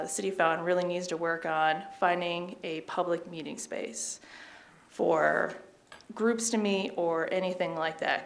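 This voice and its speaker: A woman's voice: lowish voice, a little hiss or hum. A woman with a New York accent, a community organizer speaking casually and upbeat during public comment at a council meeting. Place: council chamber.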